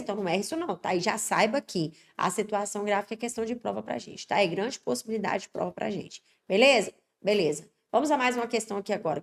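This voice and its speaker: A Brazilian woman with a somewhat high voice walks students through grammar questions. She talks with lively emphasis and keeps checking in with quick tag questions. A slight congestion from an allergic cold sits in her voice. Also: gravelly. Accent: Brazilian Portuguese. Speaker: Portuguese teacher for exam prep. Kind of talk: online exam-prep lesson.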